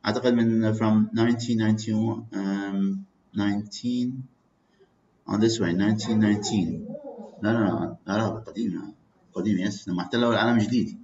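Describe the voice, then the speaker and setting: A man with an Iraqi accent teaching English vocabulary, switching between English and Arabic, repeating words slowly and checking in with "okay" and "clear". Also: lowish voice, steady tone, a little mellow, a little hiss or hum. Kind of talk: bilingual classroom lecture. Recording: echoey muffled classroom recording.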